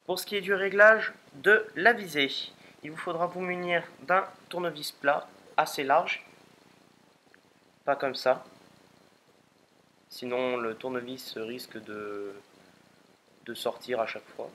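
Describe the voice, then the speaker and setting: Bright-voiced young French-speaking man reviewing gear. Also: a little high, slow pace, pauses often, poor audio. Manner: hesitant, many fillers and restarts. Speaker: product reviewer. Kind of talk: casual product review.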